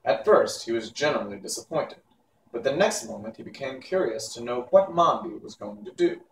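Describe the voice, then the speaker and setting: Narrating a children's novel, this amateur storybook reader speaks in an expressive, medium-pitched voice at a slightly quick pace. His delivery is unpolished, and the clip carries room echo, faint hiss and the feel of a far-off microphone.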